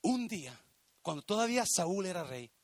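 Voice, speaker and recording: A man's voice: sits high, big pitch swings, moderate pace, dry recording. A man preaching a sermon as pastor, impassioned and repeating himself, checking whether the congregation hears him and slipping in English phrases. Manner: impassioned, repeats lines, asks the church if they hear him, mixes in English phrases.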